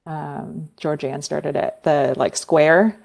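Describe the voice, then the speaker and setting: A young woman talking as a podcast guest, relaxed and conversational. Her voice sits somewhat low for a woman, and her talk runs on with "like" as a filler and easy laughter. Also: slow pace, gravelly. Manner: chatty, laughs often, many "like" fillers. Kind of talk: casual chat.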